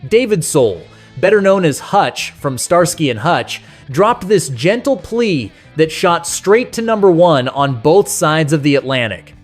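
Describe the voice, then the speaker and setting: A man with a slightly high, very animated voice hosts a scripted music countdown at a measured pace. His delivery is nostalgic and colloquial, like storytelling, over soft rock music.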